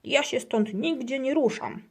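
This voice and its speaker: A woman's voice: a little high, a little slow, mellow, breathy edge, voice pushed up. A woman voicing a small, timid, grumbling pet hamster in a children's storybook. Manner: fearful, grumbling.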